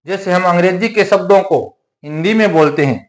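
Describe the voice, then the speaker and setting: A man's voice: high-pitched, fairly quick. A man teaching a Hindi grammar lesson, often asking his own questions and then answering them, with plenty of repetition. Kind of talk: classroom-style lesson.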